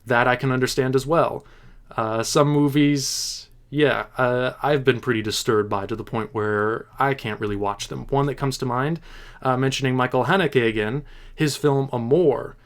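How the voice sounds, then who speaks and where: Halting, thoughtful male film host. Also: medium pitch, fairly even intonation. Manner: halting, thoughtful, with frequent restarts; enthusiastic about films. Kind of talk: casual film chat answering viewer questions.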